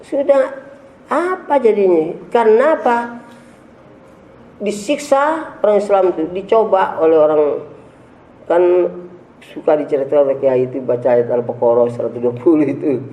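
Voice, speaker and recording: A man's voice: a little high, normal speed, long pauses, mellow. A man preaching to a gathering, emphatic and scornful, firing off rhetorical questions. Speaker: religious leader giving a talk. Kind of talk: preaching sermon. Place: large gathering hall. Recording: echoey room.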